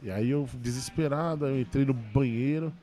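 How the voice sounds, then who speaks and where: A man, a stand-up comedian, telling a personal story in a casual interview, with quick emotional restarts. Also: medium pitch, warm tone, faint music behind. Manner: fast, emotional retelling with many restarts.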